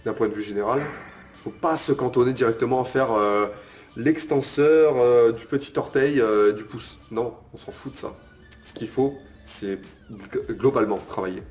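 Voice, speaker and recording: Here a young man coaching fitness casually explains bodybuilding to the viewer, using tu and leaning on "euh" and "ok?" throughout. He talks at normal speed in a mid-range, darkish voice.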